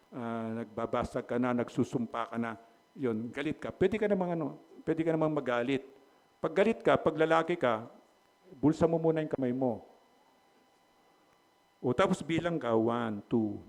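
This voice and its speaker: Male preacher, conversational and lightly joking, checks in with the flock often. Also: medium pitch. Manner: conversational, asks the congregation "di ba?" often; jokes lightly with the congregation. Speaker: pastor. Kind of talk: sermon with closing prayer.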